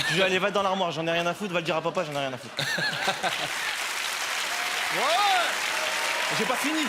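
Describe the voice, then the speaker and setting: Stand-up comic over a roaring crowd. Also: male voice, on the high side. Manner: animated, laughing, chatty. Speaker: stand-up comedian. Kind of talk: stand-up storytelling. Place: TV studio stage with live audience. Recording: loud audience laughter and noise.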